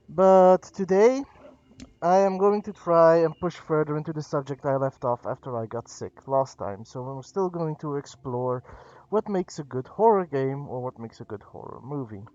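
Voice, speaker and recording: Dull-sounding, higher-voiced male game streamer. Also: darkish tone. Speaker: livestream host. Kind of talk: casual game livestream commentary. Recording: dull lo-fi mic with music behind.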